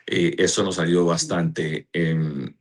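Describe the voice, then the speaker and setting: A man, a pastor and church director, answering interview questions in a slow, earnest way as he searches for words. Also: sits low, fairly even intonation.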